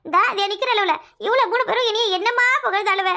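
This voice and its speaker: A woman voicing a fiery, quarrelsome young wife in a cartoon, scolding quickly and repeating her lines. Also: very high-pitched, pushed and bright, exaggerated voice. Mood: angry, scolding. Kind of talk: cartoon voice acting.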